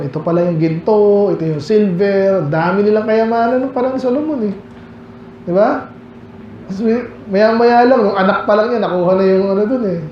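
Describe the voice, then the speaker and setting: A man's voice: high voice, echoey room, highs cut off, a little hiss or hum. A male pastor with a Filipino accent, preaching a Bible study in a chatty way, asking his listeners questions and reading old scripture verses aloud. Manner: conversational preaching with rhetorical questions, reads King James verses aloud. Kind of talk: Baptist sermon, Bible study. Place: church hall.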